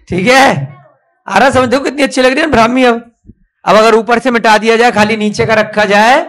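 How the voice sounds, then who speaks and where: A man teaching children to write a script in a classroom, coaxing and praising them and spelling out each stroke slowly. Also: sits high, fairly bright tone, poor audio.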